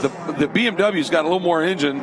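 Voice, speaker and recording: A man's voice: a little high, fast. A man doing live motorsport commentary in a colloquial, exclamatory way. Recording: clear engine noise behind voice.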